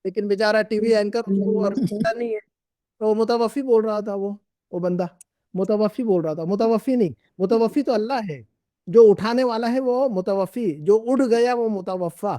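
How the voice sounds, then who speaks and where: A man's voice: sits high, moderate pace, warm tone, dry recording, clean studio sound. A middle-aged man teaching an Arabic class, patiently repeating and drilling words with his students. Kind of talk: classroom lesson.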